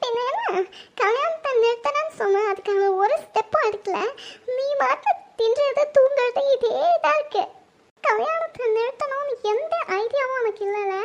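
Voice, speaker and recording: Woman doing whiny bride-to-be, super high squeaky voice, pleads and sulks. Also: sing-song, a little fast, a bit bright, highs cut off, heavily acted. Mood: resentful. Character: sulky young woman dreading her wedding.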